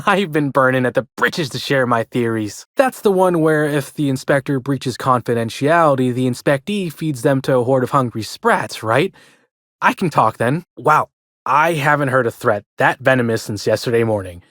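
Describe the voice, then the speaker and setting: A man's voice: mid-range voice, moderate pace, fairly bright tone, dry recording, clean studio sound, natural voice. A man voicing a chirpy, chatty old-fashioned hotel bellhop in a video game, with a folksy American way of talking. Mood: polite, folksy. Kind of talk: video game character dialogue.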